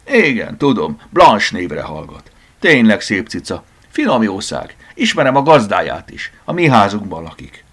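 A man voicing a cheerful, brisk old gentleman in an old-fashioned hat, speaking in a raised, lively voice. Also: slightly rough, full character voice. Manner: brisk and friendly, louder and higher.

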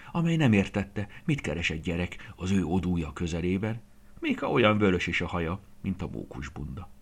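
A man narrating a children's story in an expressive, lively reading voice, sometimes dropping to a whisper. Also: sits low, gravelly, slightly rough.

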